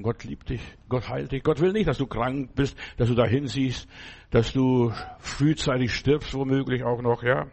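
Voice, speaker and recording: A man's voice: medium pitch, a little mellow, slightly rough. A middle-aged man preaching a sermon in an earnest way, often repeating phrases and asking "right?". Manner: earnest, repeats phrases with many tag questions.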